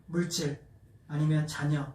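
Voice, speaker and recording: A male pastor preaches, retelling a story with lively asides to his congregation. His voice is notably high and sounds distant from the mic. It rings around a reverberant church sanctuary. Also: measured pace. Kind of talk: sermon storytelling.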